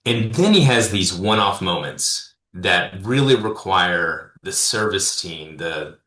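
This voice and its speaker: A man's voice: sits low, expressive, takes it slowly, pushed and bright, reverberant. A man, a consultant and speaker, telling stories in a casual interview, rambling with many fillers and restarts.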